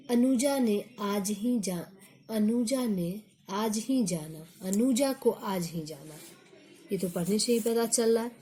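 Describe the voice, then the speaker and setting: A woman teaching a grammar lesson, slowly repeating example sentences for her students. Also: medium pitch, mellow.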